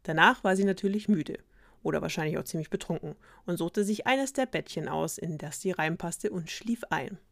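A woman's voice: fairly low pitch, moderate pace, gravelly, dry recording, clean studio sound. A woman retelling a fairy tale casually, with ironic, slangy asides. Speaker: storyteller.

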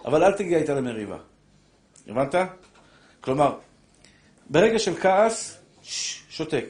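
Older preacher man, fiery and direct. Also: fairly high pitch. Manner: animated preaching, addresses listeners as brothers. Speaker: rabbi giving a Torah class. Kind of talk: sermon.

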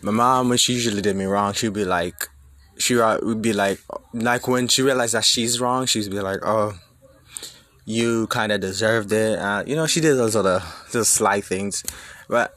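His voice is lowish and a bit bright at a moderate pace, captured in a dry recording. The speaker is a young Jamaican student musing casually about personal matters and leaning on emphatic rhetorical questions.

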